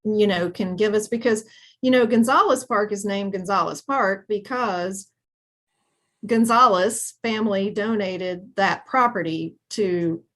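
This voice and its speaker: A woman's voice: mid-range voice, a little slow, fairly bright tone. A woman speaking as a council member at a city meeting, earnest and thoughtful.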